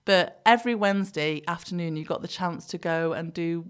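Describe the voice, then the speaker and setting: A woman's voice: on the low side, fairly quick, clear, resonant tone. A woman from Nottingham, chatting as a PR consultant in an interview, laughing often and using many fillers. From England (Nottingham). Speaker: PR consultant, guest. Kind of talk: casual interview chat.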